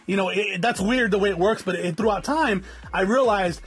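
A man's voice: high-pitched, fairly quick, a bit bright, breathy edge. A man in his forties from Southern California, hosting his own podcast in an unscripted, rambling talk with a stuffy nose, repeating words and cussing freely. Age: 40s. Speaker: podcast host. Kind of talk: casual unscripted podcast monologue. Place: home in the desert.

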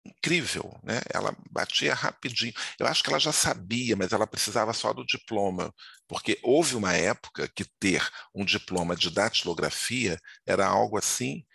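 Speaking at a normal pace, an older man with a Brazilian Portuguese accent teaches grammar informally, wandering off topic and often asking for agreement with tag questions. He is a Portuguese teacher whose lowish, animated voice is bright, forceful and husky with vocal fry, recorded without echo.

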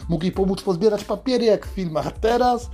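A man's voice: high-pitched, brisk, dark tone. A young man delivering a crude, sarcastic comic rant, swearing at nearly every turn. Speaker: comedian.

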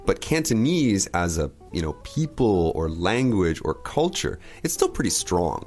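A man co-hosting a language-lesson podcast, relaxed and agreeable, with many short replies. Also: low-pitched, unhurried, faint music behind. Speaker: podcast co-host, native English speaker. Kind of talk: casual lesson chat.

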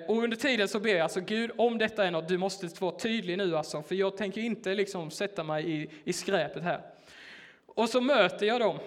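A man preaching in a church, telling a personal story in a casual, hesitant way with many fillers. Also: high-pitched. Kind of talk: sermon told as a personal story.

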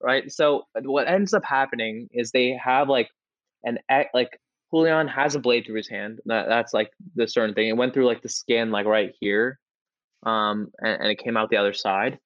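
A young man co-hosting a podcast, telling a story in a casual, excitable way with lots of "like" and restarts. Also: medium pitch, moderate pace, no echo, muffled recording. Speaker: podcast co-host.

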